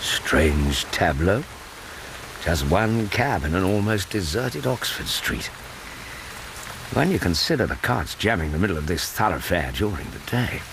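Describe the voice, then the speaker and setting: An earnest Victorian English doctor, low in pitch but very lively in intonation. He is a curious, loyal companion in a radio play, with faint rain and noise behind. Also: a little slow, exaggerated voice. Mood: thoughtful. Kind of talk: radio drama acting.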